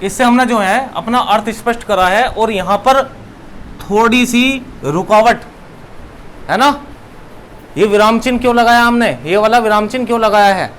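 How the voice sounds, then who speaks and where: A man's voice: high voice, moderate pace, pauses often, fairly bright tone, slight background noise. A young man teaching a classroom lesson, repeating key words and asking questions he then answers himself.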